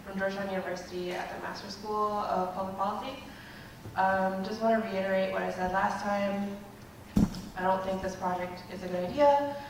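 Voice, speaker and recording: A young woman speaks up at a public hearing, out of breath and filling her pauses with ums. Her voice comes from a distance in a large, echoing room. A faint noise runs behind her. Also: medium pitch. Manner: hesitant, many ums. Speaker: graduate student commenter. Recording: echoey hall from a distance.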